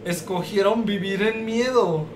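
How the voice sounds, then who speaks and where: Tipsy, rowdy streamer. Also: male voice, high voice, measured pace, recorded from a distance. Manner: crude, joking, loud outbursts. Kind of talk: casual game streaming, translating game text aloud. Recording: echoey room with background noise, off-mic.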